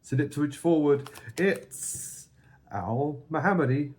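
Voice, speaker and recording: A man's voice: a little high, slow pace, a little mellow. A man chatting casually and bantering as he calls out football cards one by one as a co-host. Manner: playful, bantering. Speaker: co-host opening football card packs. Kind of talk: casual chat with card-by-card commentary.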